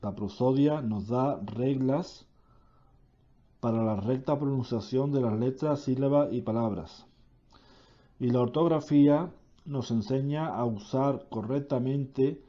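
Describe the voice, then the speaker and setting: Slow, dark-voiced man reading a lesson. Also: medium pitch, muffled recording. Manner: slow, deliberate reading with self-corrections. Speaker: teacher reading a grammar lesson. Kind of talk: reading a grammar lesson aloud.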